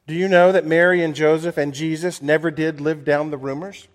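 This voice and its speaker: A man's voice: on the high side, steady tone. Preaching man in a reverberant church. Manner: earnest, measured preaching with slowed emphasis and quoted scripture. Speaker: pastor. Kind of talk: sermon.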